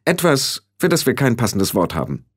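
A stern old witch who gives firm, clipped orders, her voice pitched high and moving a lot. A man puts her on in an audiobook reading. The delivery stays commanding and no-nonsense. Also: huge pitch swings, moderate pace.

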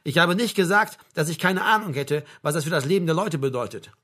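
A man voicing a blunt, mocking old male doctor with a gruff, brusque manner. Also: on the high side, lively intonation, a little fast, fairly bright tone. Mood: wry. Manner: gruff, brusque, with a bleating laugh.

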